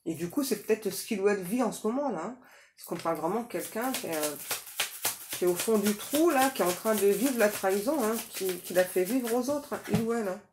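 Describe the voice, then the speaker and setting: A woman's voice: mid-range voice, expressive, fairly quick, darkish tone. A woman giving a casual psychic reading to viewers, talking in a chatty way with many fillers and tag questions. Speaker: psychic reader. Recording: echoey room, faint noise.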